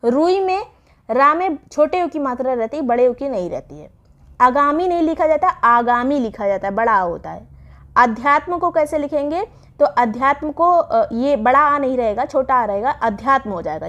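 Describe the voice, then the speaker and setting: A woman teaching an exam-prep Hindi spelling lesson. She explains each word slowly and repeats the right and wrong forms. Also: sits high, lively intonation, fairly bright tone.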